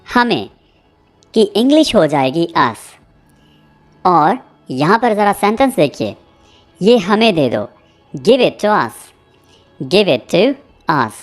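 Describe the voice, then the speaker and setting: A man teaching a spoken English lesson. He repeats example sentences slowly and checks in often with "theek hai.". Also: high-pitched, very animated, faint music behind. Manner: explains with frequent "theek hai" check-ins.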